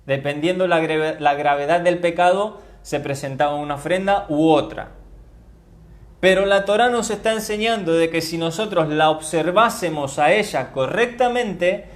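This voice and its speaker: High-voiced man preaching a teaching sermon. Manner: emphatic, repeats and spells out words slowly. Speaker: Bible teacher.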